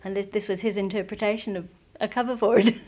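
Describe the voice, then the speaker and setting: A woman tells a personal anecdote in a lively, amused way, building up to the funny part. Her voice is plain and mid-pitched. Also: quick pace. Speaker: interviewee. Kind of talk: anecdote in interview.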